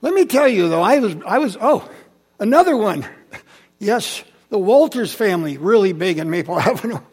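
Speaking to his congregation, a man in his 70s from Holland, Michigan, weaves personal childhood memories and Bible stories into a conversational sermon full of asides. He has a high, very animated voice with a breathy edge, delivered at normal speed.

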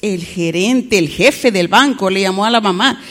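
A woman's voice: medium pitch, moderate pace, big-room sound. A woman telling a story to children, often stopping to ask them questions. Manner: asks the children questions, animated.

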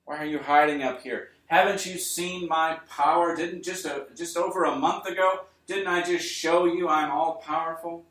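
A man's voice: on the high side, fairly even intonation, moderate pace, few pauses, a bit bright, pitched above the performer's own voice, natural voice. God figure, man doing stern almighty father, reproachful rhetorical questions, roomy hall sound. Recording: roomy sound from a distant mic.

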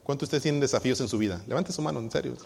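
A man preaching a sermon as pastor, animated and playing out the words of his congregants, heard in a church. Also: mid-range voice, rapid-fire, creaky. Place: church sanctuary. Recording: long hall reverb.

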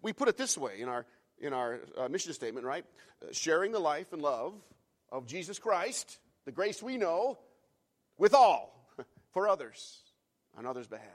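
Guy preaching a sermon, goes from hushed to really fervent, repeats lines for effect. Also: a little high, very animated, normal speed. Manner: builds from hushed reflection to fervent, loud climaxes; repeats phrases for emphasis, some restarts and fillers. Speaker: pastor.

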